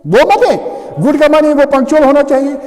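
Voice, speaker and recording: A man's voice: very high voice, brisk, warm tone, in a large hall. A man teaching English grammar in a classroom, mixing Hindi and English and often checking whether students follow. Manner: mixes Hindi and English, keeps asking "समझ आ रहा है?". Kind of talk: classroom lecture.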